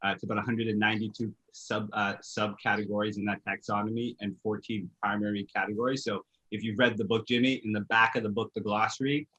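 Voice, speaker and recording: A man's voice: fairly low pitch, level tone, fast talker, few pauses, bright, forceful tone, slightly rough, rough recording. A man from Uganda, explaining his background steadily to an interviewer over a video call from home. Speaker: guest, recruiter and author. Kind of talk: casual interview chat. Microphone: video call webcam.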